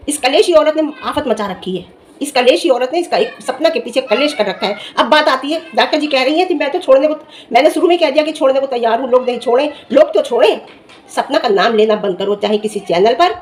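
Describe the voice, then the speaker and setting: Woman, high-pitched, middle-aged, scolding vlog commentary, rhetorical questions, faint background hiss. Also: a little mellow. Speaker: vlogger.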